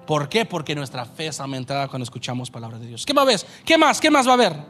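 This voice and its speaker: Guy pastor preaching, kinda high voice, keeps asking the crowd stuff, soft music behind. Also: very animated, fast talker. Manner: emphatic preaching with frequent "¿verdad?" asides. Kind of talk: sermon. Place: church sanctuary.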